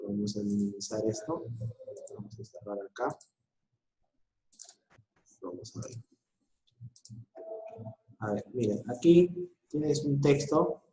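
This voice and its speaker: Male teacher, recorded class, patient explaining, dark mellow voice, echoey room. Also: medium pitch. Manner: patient, keeps checking with "¿sí?" and "¿ya?". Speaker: school teacher.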